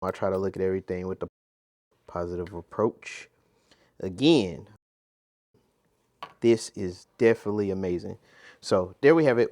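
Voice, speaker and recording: A man's voice: on the low side, darkish tone. A man hosting a home cooking video, demonstrating a recipe with upbeat enthusiasm and plenty of repetition. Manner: upbeat, enthusiastic, repeats himself. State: talking with mouth full. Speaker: cooking channel host.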